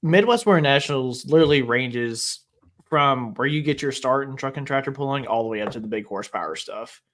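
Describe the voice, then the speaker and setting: A man's voice: mid-range voice, fairly quick, fairly bright tone. Easygoing male host of a casual podcast; mid-range voice, inviting tone. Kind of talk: casual chat.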